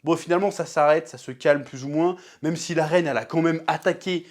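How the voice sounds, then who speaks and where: A young man with a high-pitched voice talks through a TV episode in a loose, slangy way. He is animated and keeps slipping into quick acted voices to replay the scenes. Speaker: TV series reviewer. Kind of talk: casual episode review.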